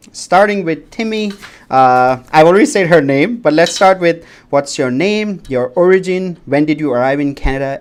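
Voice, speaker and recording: A man moderating a livestream panel, giving formal notes to viewers in a polite, announcing manner. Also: fairly high pitch.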